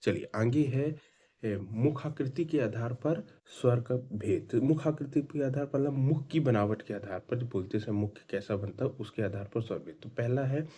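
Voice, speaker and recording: A man's voice: medium pitch, mellow, husky. A man teaching an exam-prep lesson, explaining step by step, asking questions and answering them himself, and drawing out vowel sounds to show them. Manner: drawn-out vowel demonstrations.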